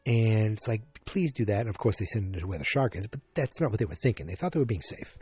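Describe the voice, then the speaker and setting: A Boston-accented man from Massachusetts hosts a solo podcast, rambling and interrupting himself with many restarts and fillers. His lowish voice is expressive and a little mellow with a breathy edge, and he speaks quickly.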